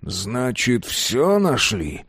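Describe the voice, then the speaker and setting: A man's voice: medium pitch, sing-song, very slow, fairly bright tone, breathy edge, no echo, studio quality, exaggerated voice. A man reading the part of a cynical older official, a grandfather who rants irritably about everyone around him. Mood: defensive. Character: bitter older male official, grey-haired grandfather.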